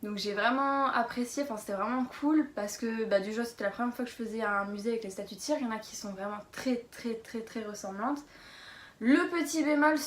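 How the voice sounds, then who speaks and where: A woman's voice: mid-range voice, echoey room. A young woman from Lorraine chatting casually about a trip in a travel vlog, hesitant and full of fillers. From Lorraine, France. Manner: chatty, hesitant with many fillers, laughs easily. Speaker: vlogger.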